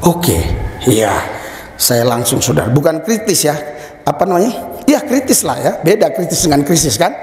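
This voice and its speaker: A man preaching a sermon as a pastor, telling a story with acted-out dialogue and bursts of shouted praise. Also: a little high, lively intonation, normal speed. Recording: echoey hall with long reverb.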